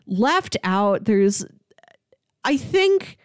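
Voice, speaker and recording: A woman co-hosting a laid-back TV review podcast talks very slowly at medium pitch, captured in studio quality with no echo. She stays animated and conversational, frequently dropping in "like."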